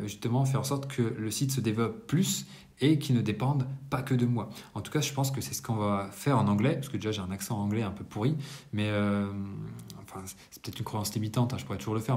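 Speaking to camera at a medium pitch, a thirtysomething man runs through his monthly business debrief from a bright room in his apartment. His delivery is relaxed and chatty, full of hesitations and self-corrections.

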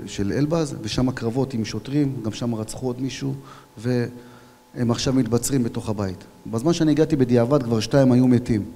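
A young police officer tells his story at an event, his voice dark and mellow with a long hall reverb trailing behind it. He tells it with animation and bursts into shouted dialogue as he acts out each scene. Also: medium pitch. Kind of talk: personal testimony at a public event.

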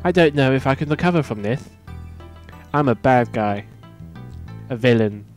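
A man's voice: mid-range voice, animated, normal speed, a little mellow, faint music behind, natural voice. A man voicing a naive young male dragon, the son of a dragon god, talking in an earnest, polite, worried way.

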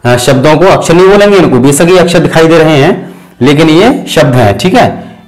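A man's voice: a little high, animated, poor audio. A man teaching a grammar lesson. He talks patiently, breaks terms into parts, and uses many fillers. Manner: chants sutras slowly and softly. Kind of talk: explanatory lesson.

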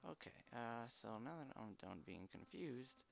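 A man livestreaming casually and haltingly, his voice muffled by a face mask. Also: medium pitch, animated, gravelly, faint music behind. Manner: halting, hesitant, unpolished first-time streamer. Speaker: live streamer. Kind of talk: casual unscripted livestream chat.

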